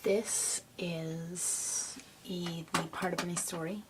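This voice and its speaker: A teenage girl chatting casually to a friend on camera, giggly and often dropping to a soft near-whisper. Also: fairly low pitch, steady tone, slow pace, heavy background noise. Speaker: video blogger.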